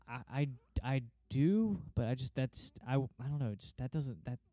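A man's voice: mid-range voice, expressive, normal speed, warm tone, no echo, clean studio sound. A young man co-hosting a casual chat, joking and teasing his friends. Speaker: podcast co-host.

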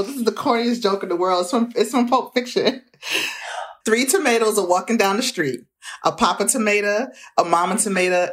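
A middle-aged woman guest telling animated personal anecdotes in casual conversation, laughing often. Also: medium pitch, slight background noise. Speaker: interview guest, author. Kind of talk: conversational storytelling.

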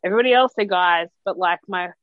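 A woman's voice: fairly low pitch, quick pace, no room sound, narrow, tinny audio. An Australian woman in casual chat, blunt and profane, rambling with lots of fillers.

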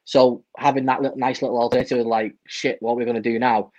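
British man, podcast co-host, rapid effusive fan chat, dull lo-fi recording. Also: mid-range voice, little pitch movement, a little mellow. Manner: effusive, informal. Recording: dull lo-fi microphone sound.

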